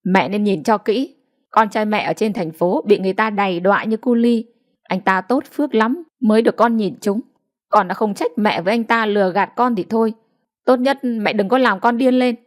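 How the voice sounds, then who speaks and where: A woman's voice: medium pitch, normal speed, close to an everyday voice. A woman voicing a cruel haughty young wife. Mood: scornful. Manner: sharp, scornful and commanding.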